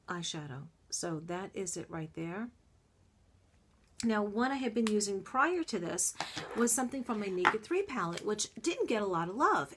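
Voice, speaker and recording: With a medium-pitched voice and slight background noise, a congested middle-aged woman vlogger casually reviews her favorite beauty products to camera. She gushes often and sprinkles in little ums.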